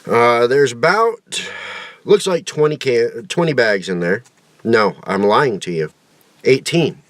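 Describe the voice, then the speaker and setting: A man's voice: medium pitch, animated, slow pace, dry recording. Folksy man reviewing, dry close sound. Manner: folksy, colloquial phrasing. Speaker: snus product reviewer. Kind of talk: casual review chat to camera.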